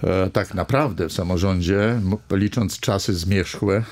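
An older man speaks as a studio guest on a radio interview. His voice sits low and carries a gravelly fry, and he talks in a rambling way, pausing often with fillers. The sound comes close through a desk microphone. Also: darkish tone. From Poland. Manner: rambling with many hesitations and fillers. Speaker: village mayor, guest.

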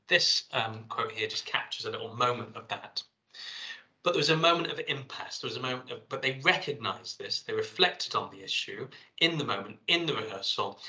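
A middle-aged man lecturing in an online seminar, walking through his slides and reading out his field notes in a reflective way. His voice is very bright and sits at an ordinary middle pitch. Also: poor audio.

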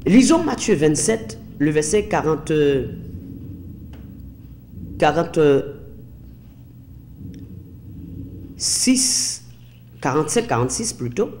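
A woman preaching a Bible lesson at an unhurried pace. Her pitch rises and falls widely as she presses rhetorical questions on her listeners and tells them which verses to underline. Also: very animated, a little mellow, a little hiss or hum. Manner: asks the congregation many rhetorical questions. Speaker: Bible teacher. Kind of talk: Bible teaching sermon.

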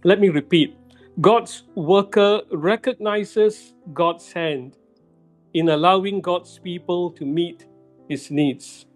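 A middle-aged male pastor giving a sermon in a church, speaking slowly and deliberately and repeating key phrases for emphasis. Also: high voice. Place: church sanctuary.

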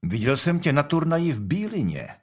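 A man's voice: on the high side, sing-song, pitched above the performer's own voice. A man voicing a young, imperious and impatient king in an audiobook, speaking in a commanding, brusque way.

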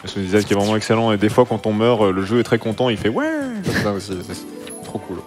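A man commentating a live speedrun, calmly walking through each level step by step. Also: lowish voice, fast, faint music behind.

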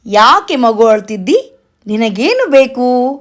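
Woman storyteller as a royal king stuck playing father; high, coaxing, fed-up voice for a kids' story. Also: very animated, slow. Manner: coaxing, growing exasperated. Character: boastful emperor Akbar, a king playing father.

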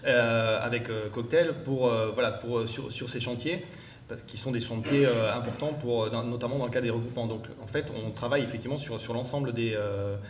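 A man directing an organisation answers conference questions in a hesitant way, with many fillers and restarts, clearing his throat because his voice gives him trouble. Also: medium pitch, fairly even intonation, fairly quick. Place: large conference room. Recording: echoey room, distant mic.

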